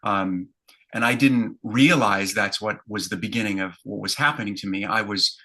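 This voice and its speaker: Bright-voiced man in his fifties. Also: fairly low pitch, fairly even intonation, normal speed. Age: 50s. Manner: reflective, detailed, with many fillers. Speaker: interview guest, stage performer. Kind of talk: conversational storytelling.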